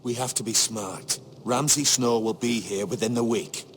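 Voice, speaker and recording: In a fantasy game drama, an actor plays a prudent, loyal and grave older castle steward, speaking in a measured, earnest, formal way with a cautious, firm mood. The male voice is mid-range and lightly acted, with slight background noise.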